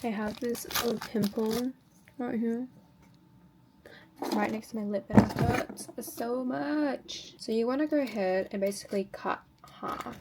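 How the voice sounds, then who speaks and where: In a very noisy recording, a woman with a slightly high voice speaks at a measured pace. As a beauty vlogger, she gives a casual tutorial chat to viewers, informally describing each step of a routine.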